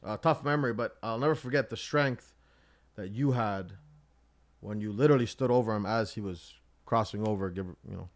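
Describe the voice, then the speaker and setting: Male podcast host, lowish voice, halting and informal, casual interview chat.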